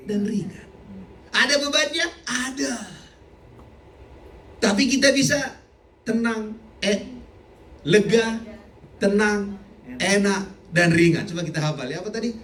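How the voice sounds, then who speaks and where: A middle-aged man preaching a sermon as a pastor, animated, sometimes shouting and often laughing. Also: high-pitched. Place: church hall. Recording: echoey church hall, mic from a distance.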